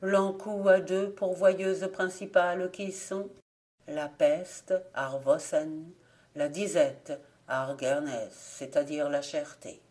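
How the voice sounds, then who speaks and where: A woman reading folk tales aloud as an audiobook narrator, with steady, clear storytelling. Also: low-pitched, slow pace, over music. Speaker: volunteer audiobook reader.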